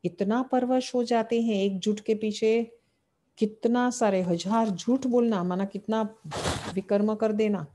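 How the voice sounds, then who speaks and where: Warm-voiced woman giving a sermon. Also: mid-range voice, steady tone, a little slow. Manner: asks rhetorical questions and answers them, repeating key phrases. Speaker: spiritual teacher. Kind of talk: devotional sermon explaining scripture.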